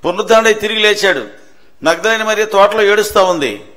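A man preaching a sermon in a church prayer hall, speaking. His voice sits high and sounds bright and forceful. He asks rhetorical questions, answers them himself, and hammers key phrases home by repeating them. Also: lively intonation, a little fast.

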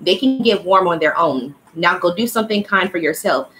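Brief: a woman with a lowish voice doing a casual, profane spiritual card reading for a live audience. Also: animated, moderate pace, a bit bright, soft background music, poor audio. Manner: casual, blunt, swears freely; calls listeners child and y'all. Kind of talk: livestream oracle card reading.

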